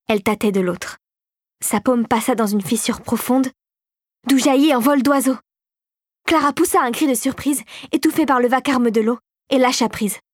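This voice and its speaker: A woman narrating an adventure storybook in a dramatic, expressive way. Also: fairly high pitch, no echo, studio quality.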